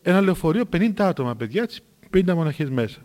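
A man's voice: a little high, sing-song, a little mellow, long reverb tail. A man animatedly telling a miracle story in a sermon, acting out the dialogue as he goes.

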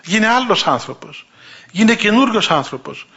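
A man's voice: high-pitched, big pitch swings, sharp tone, slightly rough. A man preaching a sermon in a conversational storytelling manner, acting out the voices of the people in his stories. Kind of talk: sermon with anecdotes. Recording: dull lo-fi recording.

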